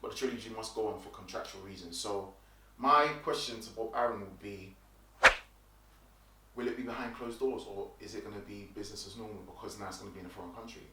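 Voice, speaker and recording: A man's voice: lowish voice, fast talker, noisy background. A man talks through the week's boxing news in a loose, chatty way, full of fillers and restarts. He sits back from the mic, and the room rings around his voice. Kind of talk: casual commentary. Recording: roomy and distant from the mic.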